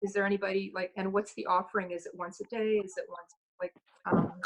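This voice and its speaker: A woman's voice: mid-range voice, level tone, a little fast, low-quality recording. Woman speaking with missing front teeth. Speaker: event participant. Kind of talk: casual questions and sharing.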